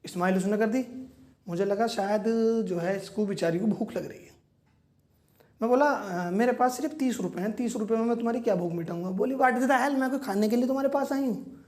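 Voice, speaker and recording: A man's voice: high-pitched, a little mellow. A young man performing stand-up comedy. He tells school and college stories in a loose, slangy way. He acts out the dialogue and lands crude punchlines. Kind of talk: stand-up storytelling.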